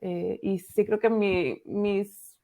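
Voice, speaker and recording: Mexican woman writer, husky and gravelly, chatty guest on a video call, lots of fillers. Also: medium pitch, fairly even intonation, extremely slow, phone-quality sound. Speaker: author, interview guest. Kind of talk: casual interview over video call. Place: dark home room at night.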